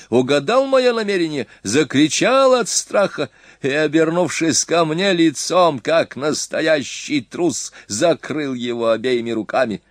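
A man voicing a hot-tempered, boastful young Hun prince in an audiobook, talking excitedly with a rising pitch. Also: dry recording, clean studio sound. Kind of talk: audiobook character voice.

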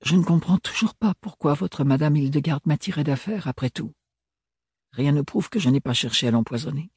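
A man's voice: fairly high pitch, fairly quick, a little mellow, husky, no echo, clean studio sound, pitched above the performer's own voice. A man putting on a guarded, polite young woman. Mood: wary. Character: reserved, cautious young woman in disguise.

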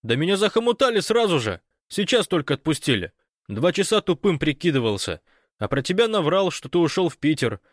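High yelling phone caller, a male reader voicing him, dry close sound. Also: big pitch swings, a little fast, no room sound. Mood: agitated. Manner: loud, shouting, cheerful. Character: excitable man on a phone line, shouting news.

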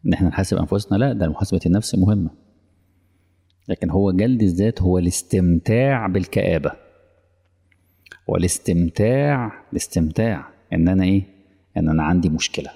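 A man's voice: deep voice, fast, creaky, pauses often, dark tone, husky, long reverb tail. A male preacher with an Egyptian Arabic accent, giving a colloquial religious lesson in a conversational way, often checking that his audience follows. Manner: conversational, quizzing the audience, mock dialogues.

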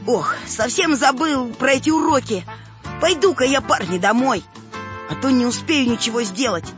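A woman's voice: sits high, moderate pace, lightly acted. A woman voicing a boy who poses riddles and teases his friends in a children's audiobook. The recording is a little dull, with faint music underneath. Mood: teasing.

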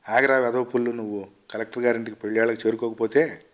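A man's voice: mid-range voice, steady tone, fast, close to an everyday voice. A man voicing an impatient, bossy middle-aged uncle in a read-aloud story, speaking curtly and scolding. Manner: curt, scolding.

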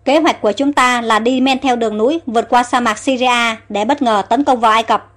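A woman voicing rough male enemy soldiers of a mountain fort in a storybook reading, gruff and bossy. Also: a little high, a little fast, a bit bright, faint music behind, natural voice. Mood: scheming.

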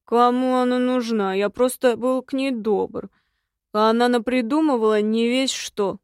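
A scornful, irritable man speaks slowly with irritation, as a woman narrator puts him on. The voice sits fairly high. It is close and dry. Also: fairly even intonation, clear, resonant tone, dry recording. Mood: irritated.

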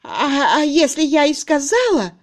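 A woman reading a desperate older spinster in an audiobook, shrill, tearful and pleading. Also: sing-song, measured pace.

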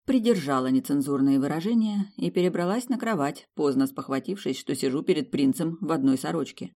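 Expressive first-person audiobook narrator. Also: medium pitch, brisk.

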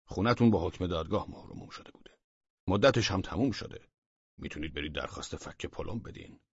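A man's voice: deep voice, animated, slightly rough, dry recording, lo-fi sound, full character voice. A man voicing a smug male police chief in a story reading, speaking in a dry, matter-of-fact way.

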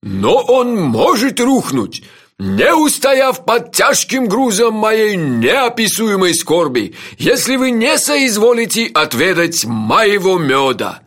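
A man voicing a pompous male palace host who shouts slow, florid courtesies in a baritone. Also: sing-song, heavily acted. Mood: grandiose.

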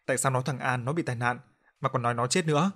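A man's voice: medium pitch, racing, fairly bright tone. A man voicing a hot-tempered middle-aged father in an audio story. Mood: angry.

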